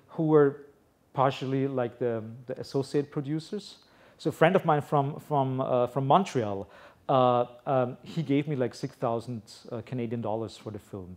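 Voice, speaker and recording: A man's voice: medium pitch, darkish tone. A middle-aged man, a film director, answering audience questions at a festival, rambling with many fillers and restarts. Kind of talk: casual Q&A answers. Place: festival hall before an audience.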